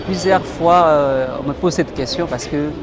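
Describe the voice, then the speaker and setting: A man's voice: on the high side, measured pace, a crowd in the background. A Congolese man being interviewed as a guest, explaining in French with some Lingala phrases and frequent hesitations. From Democratic Republic of the Congo.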